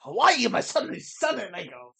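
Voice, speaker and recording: A sneaky, whiny bug-loving boy villain, nasal and sneering, with a gravelly rasp under a sharp, bright tone, as a gamer puts him on. The voice leaps up and down as each game line is hammed up with theatrical glee. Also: mid-range voice, wildly swooping pitch, fairly quick, exaggerated voice. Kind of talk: let's play commentary.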